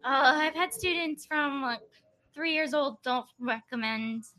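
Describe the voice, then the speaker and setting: A woman's voice: high voice, sharp tone, soft background music. A woman in a casual chat as an interview guest, drawing out her s sounds. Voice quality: drawn-out s sounds. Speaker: interview guest, voice and piano teacher.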